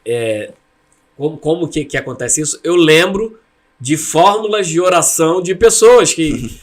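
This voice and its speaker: A man's voice: fairly high pitch, lively intonation, measured pace. A man from Brazil co-hosting an online class, chatting and recalling stories. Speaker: pastor co-host.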